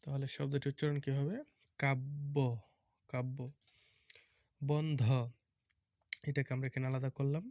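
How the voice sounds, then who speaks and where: A man teaching a primary reading lesson, slowly spelling out letters and repeating each word patiently. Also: medium pitch, little pitch movement, a little mellow, dry recording, highs cut off. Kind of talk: recorded Bengali reading lesson.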